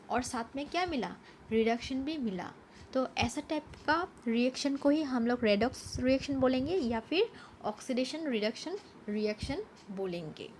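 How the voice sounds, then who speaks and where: A fairly high-voiced woman teaches a science class from slides. She poses questions to herself and answers them, and she slows down to read English definitions. A faint hiss of noise sits under the recording. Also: darkish tone. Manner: switches between Hindi and English, reading English definitions slowly. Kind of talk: slide-based lesson explanation.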